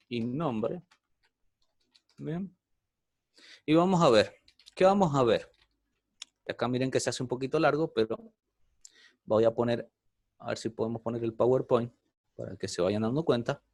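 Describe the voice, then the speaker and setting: A man's voice: mid-range voice, measured pace, pauses often, darkish tone, dry recording, studio quality. Man teaching a programming class. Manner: explains step by step, often checks in with "¿bien?".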